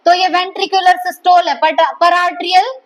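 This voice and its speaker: A woman's voice: very high-pitched, level tone, a little fast. A woman teaching a biology lecture, repeatedly quizzing her students and echoing their answers. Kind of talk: classroom lecture.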